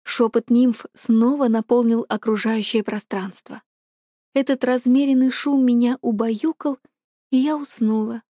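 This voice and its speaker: A woman's voice: on the high side, mellow, no echo, clean studio sound. Woman narrating a myth in first person. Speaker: audiobook narrator.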